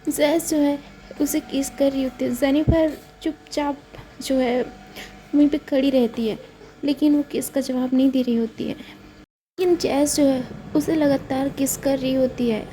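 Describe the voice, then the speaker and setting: A woman with a Hindi-speaking Indian accent casually tells a romance story in a high, dark-toned voice. She repeats herself and leans on fillers. The recording is low quality, with a little hiss or hum.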